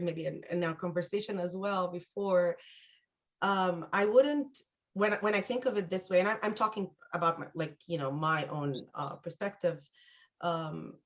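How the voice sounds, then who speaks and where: A middle-aged woman from Egypt, answering interview questions in a thoughtful, hesitant way, with many fillers and restarts. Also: on the low side. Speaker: guest. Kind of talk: conversational interview.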